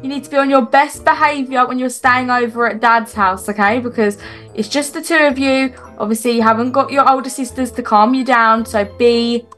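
A woman plays a firm, patient mother in a game role-play, giving her kids instructions in a slightly high voice. Light music plays in the background. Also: fairly even intonation, a little fast, a bit bright, close to an everyday voice.

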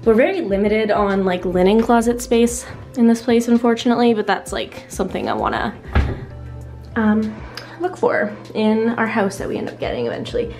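A woman's voice: a little high, expressive, moderate pace, a little mellow, soft background music. A woman vlogging casually at home, chatty and full of "like" fillers. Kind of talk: casual vlog narration. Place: at home indoors.

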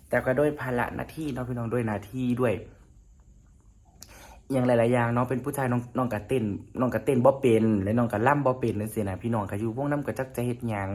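A man's voice: medium pitch, a little mellow. A man with a northeastern Thai Isan accent, chatting casually to his viewers in a rambling vlog, often turning to speak to them as friends. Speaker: vlogger.

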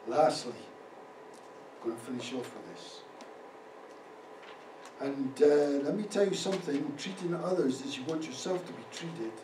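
High, mellow-voiced preaching pastor. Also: male voice, recorded from a distance, slight background noise. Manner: preaching with rising emphasis, ad-libbing. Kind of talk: sermon. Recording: roomy echo, speaker away from the mic.

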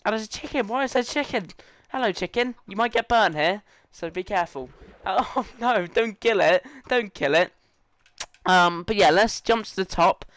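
A man talks his way through a gaming session in casual let's-play commentary, excitable and playful as he chats with the other players. His voice sits a little high and sounds smooth and clear. The recording is close and dry. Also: moderate pace, dry recording. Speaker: gaming channel host.

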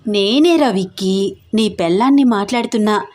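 A woman voicing an affectionate young wife in an audio story, speaking softly and teasingly. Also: mid-range voice, moderate pace, close to an everyday voice. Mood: playful. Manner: soft, teasing.

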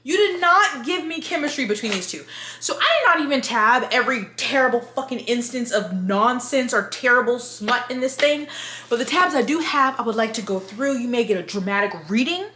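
A drunk woman in her thirties giving a rambling, exasperated, sweary book review rant in an animated, emphatic way. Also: fairly high pitch, fairly quick, a little hiss or hum. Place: living room with bookshelves, indoors. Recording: roomy home echo.

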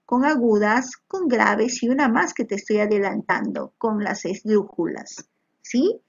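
Patient teacher woman, gravelly and husky. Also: on the high side, lively intonation, a little slow, lo-fi sound. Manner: patient and encouraging, frequent checking questions; addresses pupils as little children. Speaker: primary school teacher. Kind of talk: recorded online lesson over slides.

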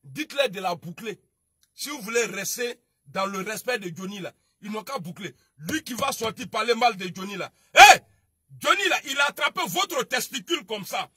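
Ivorian guy yelling on a livestream, high bright husky voice, dry sound. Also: animated, moderate pace, dry recording. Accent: Ivorian French. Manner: shouting, scolding, swings between loud outbursts and low muttering. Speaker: online video commentator. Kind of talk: heated political livestream rant.

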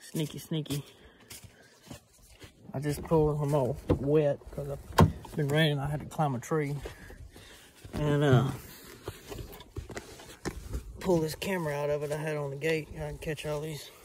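Rambling man vlogging outdoors, flat voice. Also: a little high, normal speed, noisy background. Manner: rambling, folksy, with many fillers and restarts. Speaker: hunting vlogger. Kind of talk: casual self-filmed vlog talk. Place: outdoors on rural land. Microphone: self-filmed camera.

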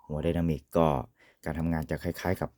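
A man's voice: a bass voice, little pitch movement, fairly quick, dark tone, no room sound. A man giving an informal, polite product demonstration as an equipment reviewer, often ending phrases with courtesy particles.

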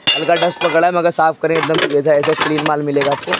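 A man showing stock in a crowded wholesale storeroom, briskly listing items and prices and telling a helper what to hold up. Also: a little high, little pitch movement, heavy background noise. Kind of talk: walk-through product showcase.

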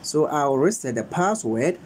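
Slow, mellow Ghanaian man livestreaming. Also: on the high side, lively intonation, a little hiss or hum, low-quality recording. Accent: Ghanaian English. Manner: slow and repetitive, pleading with viewers to stay. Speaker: livestream host. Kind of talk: live phone screen tutorial.

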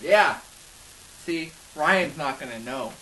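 A man's voice: on the high side, lively intonation, takes it slowly, sharp tone, slight background noise, low-quality recording. A teenage boy goofing around while hosting a homemade cooking video, joking and giggling, recorded on a laptop webcam in a home kitchen. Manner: giggly and joking, often breaking into laughter. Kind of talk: goofy casual chat. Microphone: laptop webcam mic.

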